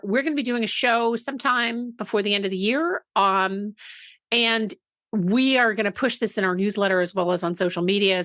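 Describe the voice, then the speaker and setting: A woman's voice: mid-range voice, a bit bright, dry recording, clean studio sound. A woman co-hosting a podcast in a chatty, casual way, often restarting her sentences and laughing easily. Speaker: podcast co-host.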